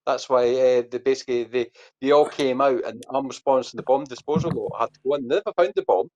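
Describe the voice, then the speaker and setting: A man's voice: medium pitch, fast, darkish tone. A man telling a long story in a rambling way, full of fillers and restarts, then quizzing his hosts. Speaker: podcast guest. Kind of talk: casual storytelling and quiz hosting. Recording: dull lo-fi audio.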